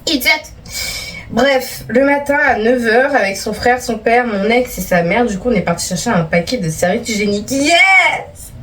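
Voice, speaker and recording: A woman's voice: fairly high pitch, a little fast, hardly any pauses, recorded from a distance, slight background noise. A young woman vlogger reading out viewer stories and teasing them in casual, playful chat.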